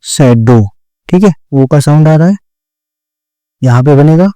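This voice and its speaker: A man teaching shorthand step by step, patient and slow, repeating each word and checking that his students understand. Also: fairly high pitch, warm tone, dry recording. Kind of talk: step-by-step classroom explanation.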